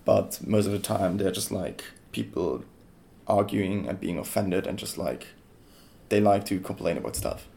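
A guest on a casual podcast chat, giving blunt opinions in a measured way. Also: deep voice, animated, vocal fry, dark tone.

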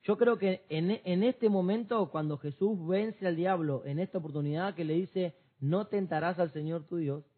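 A man's voice: sits high, moderate pace, hardly any pauses, husky. A man, co-host of a church talk, reasoning aloud with many restarts. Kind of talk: church discussion program. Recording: tinny phone-like sound.

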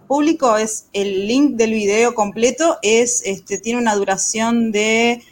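A woman's voice: a little high, slow pace. A woman hosting a podcast in casual, chatty talk with frequent fillers. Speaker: podcast host. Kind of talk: casual chat.

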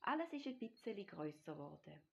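A woman with a Swiss German accent reading a children's story aloud in a gentle, unhurried way. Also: mid-range voice, sing-song, gravelly. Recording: dull lo-fi recording.

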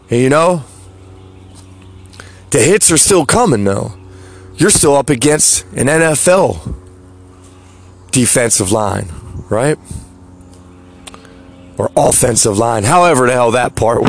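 A man hosting a podcast, delivering a reflective motivational monologue with frequent rhetorical asides. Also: mid-range voice. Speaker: podcast host.

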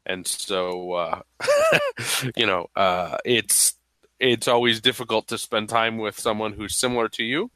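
A man's voice: lowish voice, wildly swooping pitch, a little slow, pushed and bright, dry recording. A man with a stuffy voice hosting a podcast in a playful, casual, chatty way. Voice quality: stuffy, congested-sounding. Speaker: podcast host. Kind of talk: casual chat.

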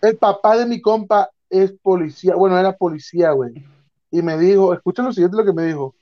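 Young man, high voice, slangy storyteller who acts out his own story, dull lo-fi sound. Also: fairly quick. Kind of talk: casual storytelling chat.

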